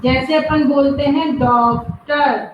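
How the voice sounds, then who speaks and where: A woman teacher giving an online grammar class to schoolchildren. She asks the class questions, answers them herself, and draws out example words slowly. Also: high voice, fairly even intonation, slight background noise. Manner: slow, drawn-out spelling of example words. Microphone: video call. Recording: roomy, muffled online class audio.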